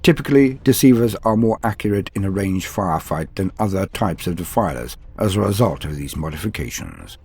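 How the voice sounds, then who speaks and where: A man hosts a tabletop wargame lore channel, delivering scripted fantasy history with theatrical, formal flourish. His low voice has lively intonation and a darkish, slightly rough tone. He goes a little fast, with few pauses.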